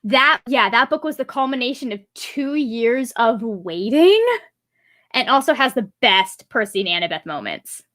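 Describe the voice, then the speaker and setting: A woman in her thirties hosting a casual chat over a video call, animated and laughing often. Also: on the high side, normal speed, no echo. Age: 30s. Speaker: livestream host.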